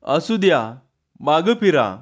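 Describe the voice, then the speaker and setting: A man's voice: fairly high pitch, big pitch swings, slow pace, full character voice. Man putting on a fretful rural wife, raised and scolding, rustic speech, muffled lo-fi sound. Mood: anxious scolding. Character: rural village wife, anxious, outspoken, fearful of floodwater. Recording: dull lo-fi sound.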